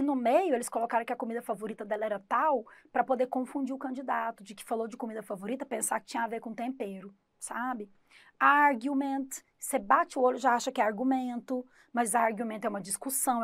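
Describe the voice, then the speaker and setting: English teacher lady, kinda high voice with some fry, asks the class questions as she explains, dry sound. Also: dry recording. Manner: explains with rhetorical questions and vivid retold examples. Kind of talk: recorded exam-prep class.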